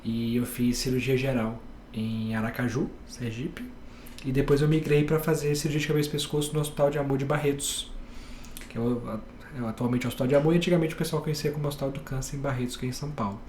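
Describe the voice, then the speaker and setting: A man from Bahia, a head and neck surgeon, calmly explaining his specialty step by step on a podcast. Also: medium pitch, fast talker, roomy sound, slight background noise. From Bahia, Brazil. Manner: calm, explains step by step with plain examples.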